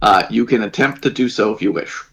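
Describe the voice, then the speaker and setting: A man's voice: on the low side, vocal fry, fairly bright tone, rough recording. A man narrating as dungeon master, rambling and restarting his sentences. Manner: rambling, halting, many restarts. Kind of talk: narrating a tabletop game.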